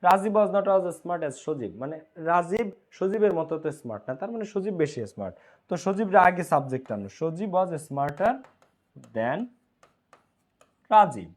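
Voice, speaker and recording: Male tutor, slightly high voice, online lesson, repeats and checks "okay?". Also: sing-song. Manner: keeps checking in with "okay?", repeats words slowly. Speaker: English grammar teacher. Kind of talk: online class lecture.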